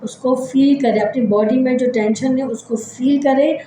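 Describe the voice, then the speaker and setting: A woman hosting a psychology channel, gently leading listeners through a body scan meditation with slow, repetitive step-by-step guidance. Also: sits high, fairly even intonation, heavy reverb, a little hiss or hum, rough recording.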